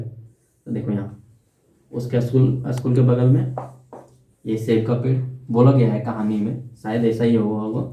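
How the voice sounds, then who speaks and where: A man's voice: mid-range voice, warm tone. A man teaching a class at a board. He asks the class questions, answers them himself, and keeps repeating the key terms. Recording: echoey room, dull lo-fi sound.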